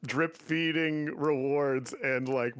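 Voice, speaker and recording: A man's voice: medium pitch, fairly even intonation, slow. A man hosting a casual gaming podcast, rambling with lots of fillers and frequent laughs. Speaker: podcast host.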